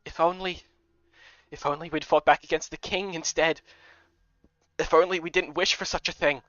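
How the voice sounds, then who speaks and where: A man's voice: a little high, steady tone, normal speed, fairly bright tone, no echo, natural voice. A man doing a sorrowful Scottish housemaiden. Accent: slight Scottish put-on. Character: older head housemaiden woman, sorrowful and apologetic. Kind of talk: game readthrough voicing. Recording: dull lo-fi recording.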